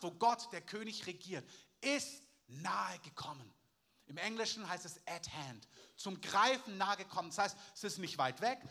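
A man preaching from the pulpit. His voice sits high and sounds bright and forceful, and he presses each point home with repeated phrases and calls for amen. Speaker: pastor. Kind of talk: sermon.

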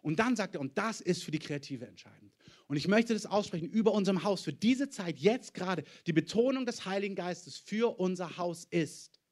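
Emphatic preacher, slightly high voice. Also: male voice. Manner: emphatic preaching, swinging between loud declarations and hushed intimate asides. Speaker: pastor. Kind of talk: sermon.

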